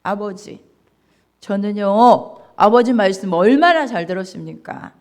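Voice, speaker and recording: A woman preacher voicing a resentful elder son from a parable, protesting loudly and indignantly. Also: medium pitch, expressive, unhurried, close to an everyday voice. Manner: indignant, protesting, rising loud. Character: resentful angry elder son, young man.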